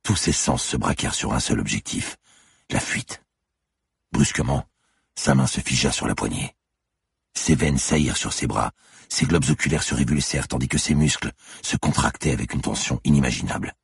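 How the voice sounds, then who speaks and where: A man narrating a suspense audiobook in a measured, dark reading. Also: very deep voice, creaky, slightly rough, no echo.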